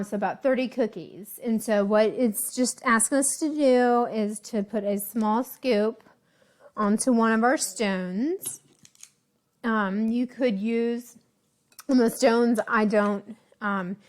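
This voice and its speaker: A woman casually demonstrating a baking recipe, chatty and relaxed with frequent ums and little asides. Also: a little high. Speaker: home baking instructor.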